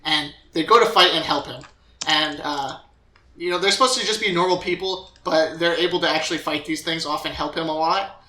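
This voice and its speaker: Bright-voiced young man recapping an anime. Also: fairly high pitch, a little fast, reverberant. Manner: rambling recap with filler words and acted quotes. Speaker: podcast co-host. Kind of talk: casual podcast recap.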